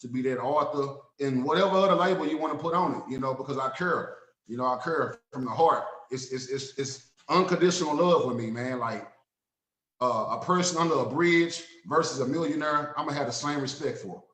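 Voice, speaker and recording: A man's voice: mid-range voice, brisk, fairly bright tone, echoey room, rough recording. A man in his thirties from Dallas, Texas, with a Dallas accent, guesting as an author and talking in an earnest, streetwise, repetitive way. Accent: Southern US, Dallas. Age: 30s. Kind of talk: casual interview talk. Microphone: video call.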